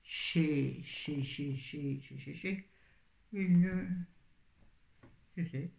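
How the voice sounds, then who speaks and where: A woman's voice: deep voice, extremely slow, gravelly, darkish tone. Chatty rambling older woman, echoey room. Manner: chatty, rambling, easily sidetracked. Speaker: book reviewer. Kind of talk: casual live video chat. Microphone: phone.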